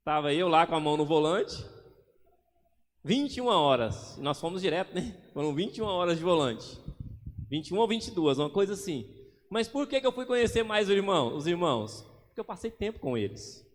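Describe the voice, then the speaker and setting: Man, pastor, lively sermon, high voice, long reverb in a church hall. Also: brisk. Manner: lively preaching, acting out little scenes.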